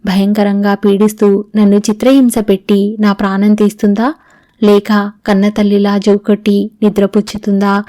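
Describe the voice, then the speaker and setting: A woman's voice: medium pitch, monotone, normal speed, mellow, no echo, studio quality, close to an everyday voice. A woman reading as a dying young daughter. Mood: sorrowful. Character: young woman, terminally ill, writing to her father. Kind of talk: audiobook reading of a novel.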